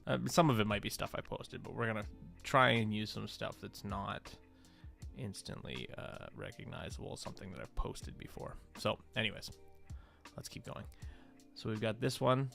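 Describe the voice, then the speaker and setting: Soft music plays as a visual artist livestreams his work, talking at a moderate pace in a fairly low, creaky voice that's expressive and fairly bright. His commentary is casual, full of hesitant, thought-aloud fragments.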